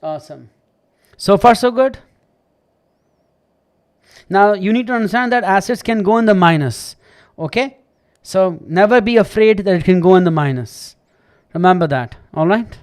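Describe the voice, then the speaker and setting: Man, high clear voice, chatty online chemistry teacher, repeats and checks in. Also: normal speed, pauses often. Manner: chatty, repeats himself, checks understanding often. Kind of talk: live online lesson.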